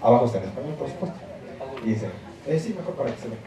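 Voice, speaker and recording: A man's voice: mid-range voice, animated, very fast. A man giving a university lecture, explaining emphatically and checking in with the audience as he goes. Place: lecture hall. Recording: very echoey hall, mic far off, audience noise.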